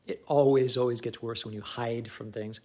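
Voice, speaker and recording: A man's voice: mid-range voice, fairly even intonation, normal speed, a little mellow. A middle-aged man who works as a life coach, giving an earnest, reflective motivational talk to his viewers with frequent ums. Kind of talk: casual motivational livestream talk.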